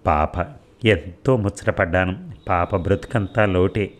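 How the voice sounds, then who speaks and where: A man's voice: deep voice, measured pace. A man voicing a feverish young wife who grieves and fears for her baby, speaking in a weak, pleading way. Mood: grieving.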